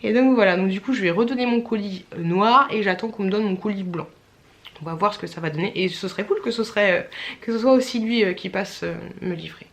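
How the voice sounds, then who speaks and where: A young woman vlogging in casual, rambling chat, a little tired, with many fillers. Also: mid-range voice.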